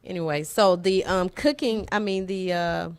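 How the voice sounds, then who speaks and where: A woman's voice: fairly low pitch, clear, resonant tone. Playful woman co-hosting a TV talk show. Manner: playful, teasing, talks in quick bursts with slangy phrasing. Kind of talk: casual banter on a TV talk show. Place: TV studio with event flyers on the wall.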